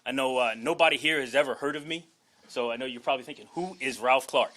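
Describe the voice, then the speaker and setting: A fast, bright, forceful voice at medium pitch comes from a Washington, D.C. man in his forties. Introduced as the new head football coach, he gives an emphatic, earnest press conference speech, holding emotion back and frequently tacking on "okay?" or "all right?"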